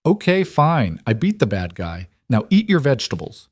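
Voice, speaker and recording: Guy doing a poised lady ceo, firm and measured, pitched up a bit, dry close sound. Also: huge pitch swings, darkish tone, slightly rough, no room sound. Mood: relieved. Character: composed female CEO, a young mother. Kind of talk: storybook narration.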